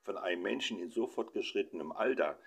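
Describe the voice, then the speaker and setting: A man's voice: deep voice, animated, a little fast, gravelly, a bit bright, slightly rough, heavily acted. A man voicing a stern, pompous middle-aged father who lectures his children.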